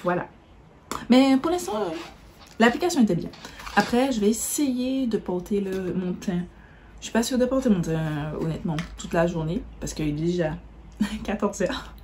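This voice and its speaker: A woman talks through her makeup routine in a loose, chatty way, often stopping to correct a word. Her voice is mellow and relaxed. A faint hiss sits under the recording. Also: mid-range voice. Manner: chatty, self-correcting, describes as she applies. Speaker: beauty vlogger. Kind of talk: casual makeup tutorial chat.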